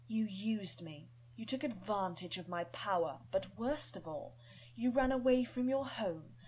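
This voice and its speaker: A woman putting on a slow growling demon wolf. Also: mid-range voice, a little mellow, low-quality recording. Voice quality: raspy growled speech.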